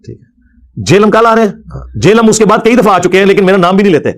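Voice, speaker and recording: A man's voice: sits high, expressive. A man, a religious speaker giving a sarcastic, pointed rebuttal lecture.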